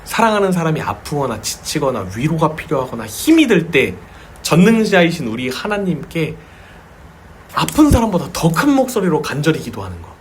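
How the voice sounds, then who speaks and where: A man pastor delivers a sermon at a small home church, with a fairly high voice that swings widely in pitch. He tells stories with vivid sound words and sudden acted cries. A faint noise sits under the recording. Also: very animated, normal speed.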